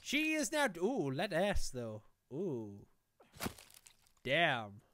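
A young man from Wales streams a survival game from a small room at home, talking into a headset mic with a Welsh accent. He jokes excitedly with chat and the game, speaking extremely slowly at a fairly high pitch, with a little hiss or hum in the background.

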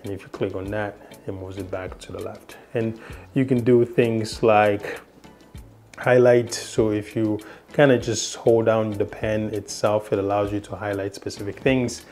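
A young tech reviewer, not a native English speaker, casually demos a device's features in a small indoor room, rambling with lots of fillers and restarts. His voice is on the low side, level, unhurried and a little mellow, with faint music in the background.

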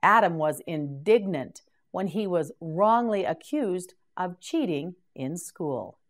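A woman teaching English vocabulary, saying each word slowly and patiently prompting the learner to repeat it. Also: on the low side, expressive. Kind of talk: slow drilled word repetition.

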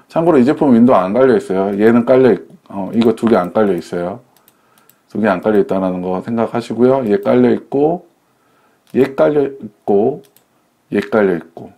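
A tech reviewer with a medium-pitched, dark-toned voice casually reviews budget laptops. He's chatty, often correcting himself mid-sentence and explaining things through simple analogies.

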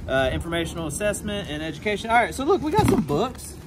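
A man in his thirties with a drawl talks straight to a handheld camera outside storage units, chatty and quick with jokes. His pitch swings widely and sits a little high. Steady outdoor noise runs behind him. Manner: chatty, animated, jokey asides. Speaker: storage unit vlogger. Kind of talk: casual unboxing chat to camera. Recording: outdoor recording with clear background noise.

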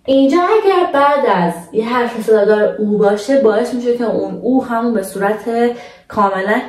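A young woman teaching a language lesson in a patient, casual way, slowing down to model words for her viewers. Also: on the high side, darkish tone, reverberant, far from the mic.

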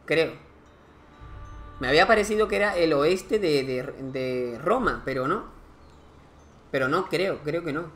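A man's voice: a little high, fairly bright tone. A man commenting casually on a strategy game, thinking aloud as he counts units and resources. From Spain. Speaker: gaming commentator. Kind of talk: casual let's-play commentary.

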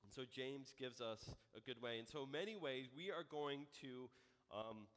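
A man's voice: medium pitch, normal speed, a bit bright, in a large hall. An American man in his thirties, a pastor giving a conversational sermon with frequent ums and restarts. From United States. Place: church sanctuary.

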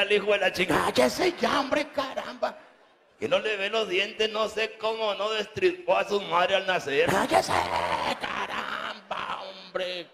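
A man doing raunchy live stand-up, loudly teasing the audience with crude jokes. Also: high voice. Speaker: live comedian.

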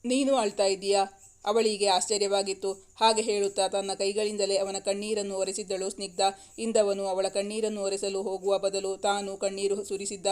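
A woman's voice: medium pitch, little pitch movement, moderate pace, darkish tone. A woman storyteller reading a serialized romance novel aloud as scripted narration.

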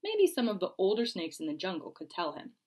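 A woman teacher reading a children's picture book aloud with an expressive, lively delivery. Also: lowish voice, a little fast. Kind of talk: storybook read-aloud.

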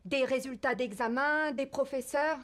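A woman's voice: high-pitched, normal speed. A woman in her thirties playing a fussy café owner in a scripted language-course drama, scolding and exclamatory. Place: café, indoors and on a terrace.

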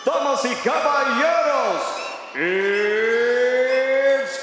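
A man announcing in a boxing ring in theatrical lucha libre style, shouting and stretching out words on a handheld microphone. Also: a little hiss or hum. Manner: booming, drawn-out shouted showmanship. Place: boxing ring in a packed arena. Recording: echoing arena PA, loud crowd.

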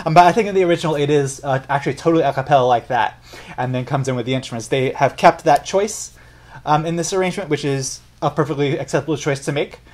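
A man's voice: a little high, fast talker. A young man hosting a casual music reaction and analysis video, chatty and explaining at length while correcting himself as he goes. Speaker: music reaction channel host.

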